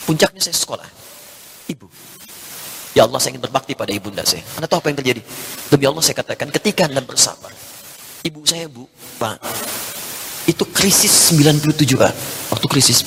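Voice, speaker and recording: A male preacher telling a personal story to an audience, speaking straight to the listeners and rising in pitch as the emotion builds. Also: lively intonation, a little fast, vocal fry, pauses often, fairly bright tone. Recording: hissy, reverberant hall recording.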